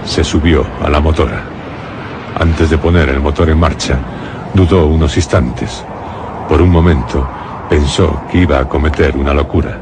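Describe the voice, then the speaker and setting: Against music and background noise, a man with a very deep voice narrates a scripted radio horror and suspense drama. His delivery is solemn and dramatic.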